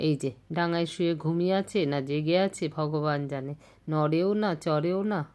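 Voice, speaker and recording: Chatty woman vlogging outdoors, low voice. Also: normal speed, smooth. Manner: chatty, excitable pointing-out. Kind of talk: casual walking vlog narration. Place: outdoors at a zoo. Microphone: handheld camera.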